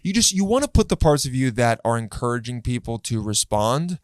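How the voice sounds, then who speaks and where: A man's voice: medium pitch, sing-song, fairly quick, dry recording, clean studio sound. A young man co-hosting a casual dating podcast, blunt and candid with lots of fillers. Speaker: podcast co-host.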